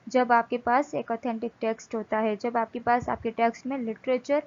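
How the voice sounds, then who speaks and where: A woman's voice: on the high side, steady tone, highs cut off. Woman lecturing in Hindi and English. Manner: mixes Hindi with English, reads English text slowly and explains in Hindi. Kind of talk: lecture explaining slides.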